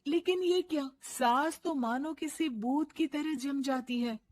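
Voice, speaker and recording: A woman narrating a cartoon story in a slow, lowered storytelling tone. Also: no echo.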